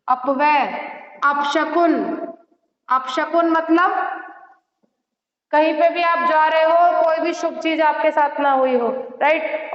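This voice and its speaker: A woman with a high voice teaches an online exam-prep class, mixing English phrases into her explanations and checking in with the students after nearly every point. The recording is dull and lo-fi, and her voice rings in an echoey room with a long tail of reverb. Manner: mixes English phrases, repeats "theek hai" and "right?"; gives advice directly to students. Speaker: Hindi teacher.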